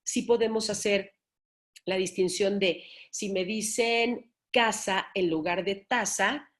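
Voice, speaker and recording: A woman's voice: medium pitch, steady tone, slow. A woman speech therapist giving an informal talk to parents, often checking in with "¿sí?". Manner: explanatory, checks in with "¿sí?". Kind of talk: informal lecture.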